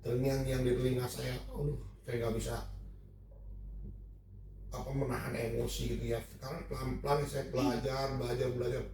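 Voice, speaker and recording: A man's voice: medium pitch, level tone, moderate pace, darkish tone, recorded from a distance, slight background noise. A middle-aged man sharing a personal testimony in a casual church group chat. He talks with emotion and often repeats and restarts his phrases. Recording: echoey room, speaker off-mic.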